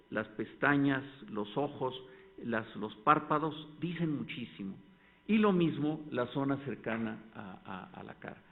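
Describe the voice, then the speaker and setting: A man with a Mexican accent giving an academic lecture at a medical colloquium, explaining points with an animated, demonstrative delivery. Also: mid-range voice. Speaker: panel speaker at a medical colloquium. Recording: tinny phone-like lecture recording.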